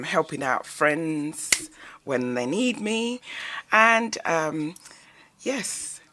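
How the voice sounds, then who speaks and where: A woman's voice: low voice, fairly bright tone. Radio host lady, bubbly and chatty, voice bounces up and down a lot. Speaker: radio talk show host. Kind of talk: radio talk show hosting.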